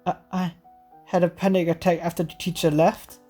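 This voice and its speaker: A woman's voice: lowish voice, flat delivery, moderate pace, dark tone, soft background music, close to an everyday voice. A woman voicing an anxious young student character in a game, stammering and repeating words in panic. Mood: shaken.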